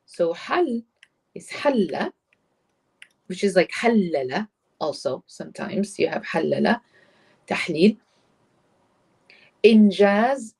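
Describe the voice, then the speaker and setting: A woman's voice: on the low side, gravelly, slightly rough. A woman teaching a live online Arabic class, explaining grammar patiently and switching between English and Arabic. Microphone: computer mic on a live stream.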